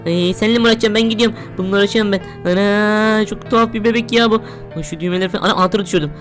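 A woman commenting casually as she plays a horror game, chatty and quick to exclaim and swear playfully. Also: mid-range voice, fairly even intonation, soft background music. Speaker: gamer. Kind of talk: let's play commentary.

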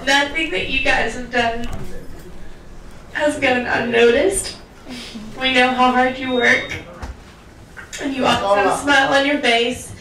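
A woman's voice: high-pitched, fairly bright tone, slight background noise. A woman giving an earnest thank-you speech into a handheld microphone in a ship's lounge. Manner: heartfelt and earnest. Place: ship dining lounge, indoors. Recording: echoey room from far off.

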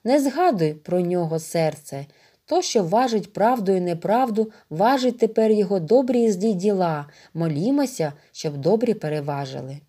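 A woman's voice: mid-range voice, animated, normal speed, warm tone, slightly rough. Woman voicing an emotional young male hero. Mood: earnest. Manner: emotional, pleading outbursts. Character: young male hero, anguished and loving son.

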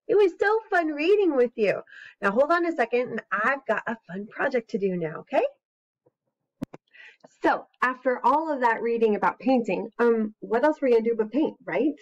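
A woman in her thirties with an expressive, singsong manner, talking to young children as an educator. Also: on the high side, measured pace. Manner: expressive, singsong, encouraging young listeners to join in. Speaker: children's educator and story reader. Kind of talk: animated read-aloud and casual craft demonstration for young children. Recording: slightly dull webcam recording.

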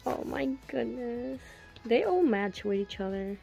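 A woman's voice: on the high side, expressive, measured pace, muffled recording, faint music behind. A young woman gushing through a photobook unboxing, gasping and whispering little asides as she looks at each picture. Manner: gushing, breathy gasps and soft whispered asides. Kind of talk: casual unboxing commentary.

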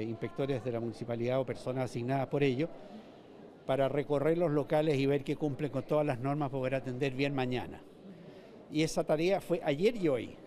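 The older mall manager, Chilean-accented, has a mid-range voice with a dark tone. In a news interview held in an indoor shopping mall corridor, he replies to the reporter via handheld mic, often restarting and repeating himself.

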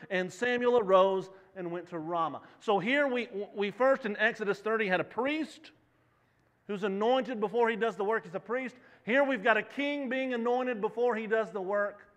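A man's voice: high-pitched, a bit bright, lo-fi sound. A man in his thirties preaching a sermon, walking the stage and asking the congregation questions. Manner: walks the stage, gestures, asks the congregation questions. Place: church sanctuary. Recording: long reverb of a church hall.

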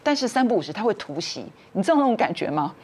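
A woman's voice: mid-range voice, sing-song, quick pace, darkish tone, a little hiss or hum. A woman, a talk show guest telling a family story and acting out the quarrels in raised voices.

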